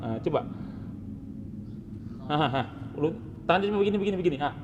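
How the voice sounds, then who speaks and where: A man's voice: a little high, lively intonation, brisk, highs cut off. A man coaching students on Quran recitation, correcting their pronunciation and demonstrating sounds over and over, with a teasing edge. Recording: hall reverb, faint ambient noise.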